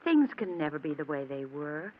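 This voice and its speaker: An actress in an old-time radio drama playing a lonely, gentle woman resisting forbidden love, earnest and measured. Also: sits low, sing-song. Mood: regretful, firm. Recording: muffled, hissy old radio recording.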